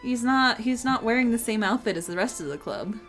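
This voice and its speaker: A woman's voice: fairly high pitch, animated, brisk, a bit bright. A woman live-streaming a game with casual commentary in a cute, bubbly, giggly manner. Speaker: variety streamer and VTuber. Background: game music.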